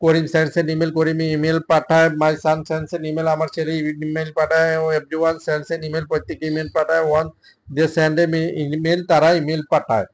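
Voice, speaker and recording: This man speaks with a Bengali accent and a fairly high voice, giving an English lesson in a steady, measured way. He reads each drill sentence first in English, then in Bengali.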